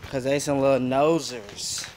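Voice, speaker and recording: A man's voice: mid-range voice, a little slow, darkish tone. A man talking in casual, slangy, profane vlogger style while exploring outdoors with a handheld phone. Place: outdoors in paved lot around derelict building. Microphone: handheld phone camera. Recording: noisy outdoor phone recording, street ambience.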